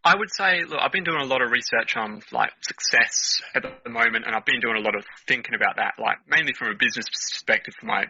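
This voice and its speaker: A man's voice: mid-range voice, fast talker, few pauses, bright, forceful tone, slightly rough, highs cut off. A young man, chatting casually as a guest on a podcast, with lots of fillers and laughter. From Australia.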